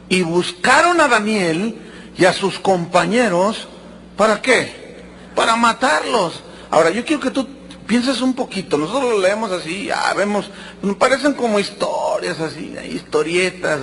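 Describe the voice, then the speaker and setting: Animated high-voiced preacher. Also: male voice, a little hiss or hum. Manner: animated, acts out quotes and jokes with the congregation. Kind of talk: sermon.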